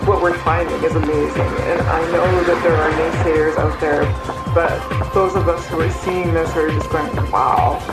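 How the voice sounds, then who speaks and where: A woman scientist with a lowish voice explains research as if to a documentary crew. The sound is roomy, and music plays loudly behind her. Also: little pitch movement, moderate pace. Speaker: forest ecologist, researcher. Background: loud music.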